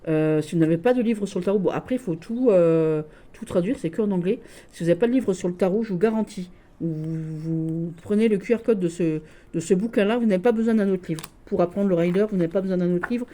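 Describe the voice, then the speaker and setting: A woman chats casually and affectionately to her viewers about her tarot decks. Her voice sits fairly low and sounds soft and mellow. She talks in a loose, friendly way and keeps dropping in "voilà". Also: fast. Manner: chatty and affectionate, often saying "voilà". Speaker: tarot vlogger.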